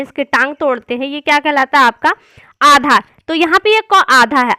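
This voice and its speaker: A woman's voice: high-pitched, bright, forceful tone, dry recording. A woman teacher giving an exam-prep lesson, patiently repeating key points and asking and answering her own questions.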